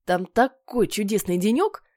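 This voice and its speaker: A woman voicing a father who talks firmly and briskly. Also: mid-range voice, expressive, darkish tone, no room sound, clean studio sound. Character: cheerful but strict father.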